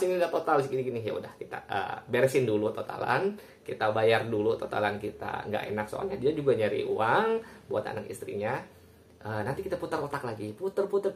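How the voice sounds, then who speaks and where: A man's voice: medium pitch, darkish tone. A young man who streams live, talking casually and personally, mixing slang with polite speech and laughing often.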